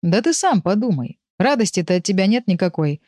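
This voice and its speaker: A woman's voice: medium pitch, big pitch swings, brisk, warm tone, no room sound, natural voice. A woman voicing a sensible, grumpy male pet animal who mocks and scolds. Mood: scolding. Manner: mocking, scolding.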